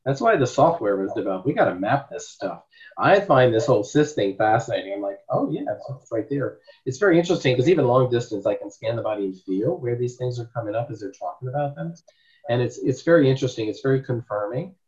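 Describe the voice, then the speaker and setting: A male therapist teaches a group in a loose, rambling way, leaning hard on his points and tossing out rhetorical questions. His voice sits at a middle pitch. The recording is dull and lo-fi. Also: lively intonation, fast talker, darkish tone. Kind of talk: informal teaching talk.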